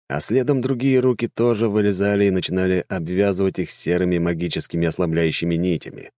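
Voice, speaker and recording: Deep-voiced male audiobook narrator. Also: no room sound, studio quality. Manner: wry, lively storytelling. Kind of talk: scripted fantasy narration.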